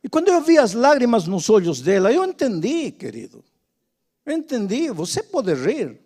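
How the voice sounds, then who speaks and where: An older male preacher giving a sermon, moving from loud, impassioned exhortation to quiet, hushed storytelling. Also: very high-pitched, wildly swooping pitch, normal speed.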